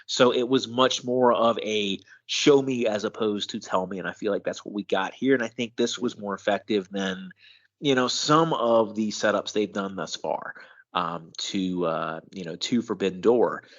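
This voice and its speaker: Man recapping wrestling in slightly dull audio. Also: on the low side. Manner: measured, analytical, with frequent fillers. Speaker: co-host of a wrestling news show. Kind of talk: casual show recap commentary.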